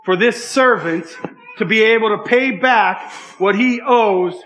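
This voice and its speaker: Guy preaching to church kids, high forceful voice, keeps asking questions and repeating stuff. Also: measured pace, a little hiss or hum, rough recording. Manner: asks the listeners questions and repeats key phrases. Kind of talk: interactive sermon for children.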